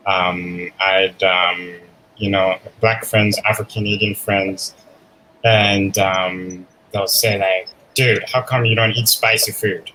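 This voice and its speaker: A man's voice: deep voice, takes it slowly, slight background noise, low-quality recording. A man from Zimbabwe telling his story in a casual conversation. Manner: animated storytelling with laughs. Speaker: guest.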